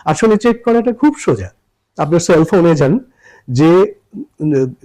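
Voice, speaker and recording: An older man from Bangladesh giving a relaxed pronunciation lesson, patiently repeating words slowly to show how they are said. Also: a little high, rough recording. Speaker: language teacher.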